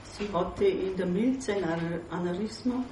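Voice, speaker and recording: An older woman giving an earnest church testimony in short phrases, pausing after each one for her interpreter. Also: lowish voice, warm tone, recorded from a distance, slight background noise. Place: church hall. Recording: roomy hall, voice heard from off mic.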